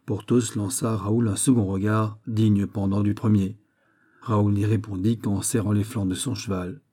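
A man reading a classic novel aloud as a narrator, in a steady literary manner. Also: fairly low pitch, moderate pace. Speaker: audiobook narrator. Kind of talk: scripted narration.

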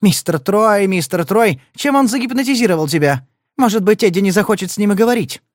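A man's voice: fairly high pitch, sing-song, fairly quick, dry recording, studio quality, voice pushed up. A male reader voicing a furious young gangster's woman who shrieks and mocks. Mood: shrill, scornful. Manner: shrieking, scornful.

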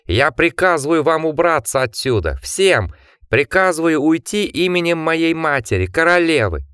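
A man reading an audiobook, voicing a defiant, angry twelve-year-old boy who shouts commands. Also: medium pitch, expressive, brisk, smooth, no echo, studio quality, pitched above the performer's own voice, lightly acted. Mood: furious. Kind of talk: audiobook character voice.

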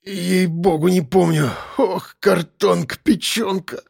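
A man voicing a hungover, whiny drunk man suspected of murder, with a raspy, slurred voice. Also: high-pitched, fairly even intonation, takes it slowly, a little mellow, pitched above the performer's own voice, exaggerated voice.

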